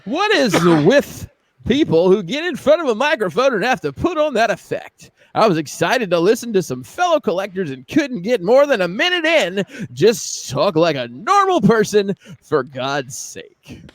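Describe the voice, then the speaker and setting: Mężczyzna parodiujący gładkiego prezentera porannego radia. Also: male voice, sits high, big pitch swings, moderate pace, dry recording, pitched above the performer's own voice. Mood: hammy DJ patter. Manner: mock-smooth, inflated radio announcer delivery. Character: cheesy, over-the-top male morning radio DJ. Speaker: podcast co-host. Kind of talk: casual chat among collector friends.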